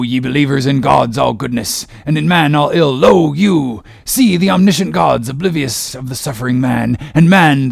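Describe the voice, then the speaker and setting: A man's voice: mid-range voice, no echo, studio quality. A man playing a grandiose, brooding, tormented whaling captain in a dramatic audiobook, with archaic, commanding speech. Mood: impassioned. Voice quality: gravelly, husky. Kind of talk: dramatic audiobook character reading.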